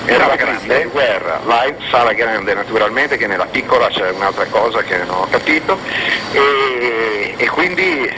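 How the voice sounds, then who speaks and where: A male musician talking casually on radio, with mock-formal deadpan humour. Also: on the low side, measured pace, background noise. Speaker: musician promoting a gig.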